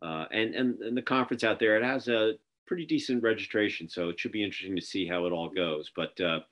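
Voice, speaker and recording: Talking fast in a fairly low, slightly bright voice, a middle-aged man hosts a casual video-call interview and tells stories riddled with fillers and restarts. The webcam audio is muffled, and he's indoors at an office with a printed backdrop.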